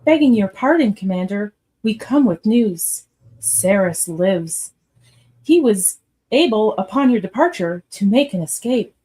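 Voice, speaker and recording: A woman's voice: mid-range voice, lively intonation, a little slow, dark tone, breathy edge, poor audio. Humble female alien envoy voiced by a woman. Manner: deferential, formal. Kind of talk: radio theatre acting.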